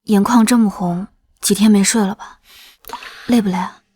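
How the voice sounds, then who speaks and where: An actress playing a clever young woman court official who has served disguised as a man, speaking calmly and frankly. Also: medium pitch, moderate pace, breathy edge, dry recording, studio quality, lightly acted. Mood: earnest. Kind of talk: TV costume drama dialogue.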